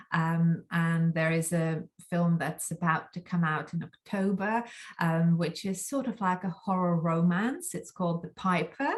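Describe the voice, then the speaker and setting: Thoughtful woman guest on a call. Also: fairly low pitch. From Latvia. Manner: thoughtful, with frequent ums and restarts. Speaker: actress guest. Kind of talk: interview conversation.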